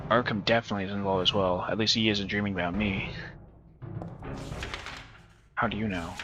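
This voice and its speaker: Sharp-voiced man swearing through a game. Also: fairly low pitch. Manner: rambling, profane, jokey asides. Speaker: gaming streamer. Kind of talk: casual let's-play commentary. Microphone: phone stream setup.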